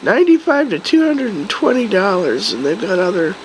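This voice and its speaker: A middle-aged woman with a cold, chatting casually in a hoarse, congested, swollen-throat voice, rambling and wryly grumbling. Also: medium pitch, very animated, normal speed, a little hiss or hum, low-quality recording. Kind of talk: casual vlog chat. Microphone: phone or camera at arm's length.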